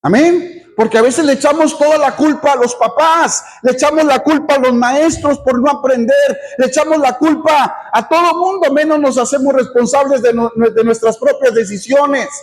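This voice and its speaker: High-voiced preaching man, earnest. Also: normal speed, few pauses. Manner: earnest preaching with repeated words and an occasional amen. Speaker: pastor. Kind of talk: sermon.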